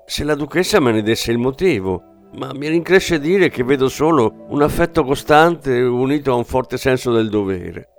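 A man reading an audiobook, voicing a pompous, flattering male palm reader who bows as he speaks. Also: mid-range voice, moderate pace, faint music behind, close to an everyday voice. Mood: smooth pompous.

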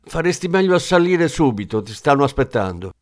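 Brief: male reader doing a defensive desk sergeant, curt, pitched higher. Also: sing-song, a little fast. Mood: irritated. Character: irritated male desk sergeant at a police station.

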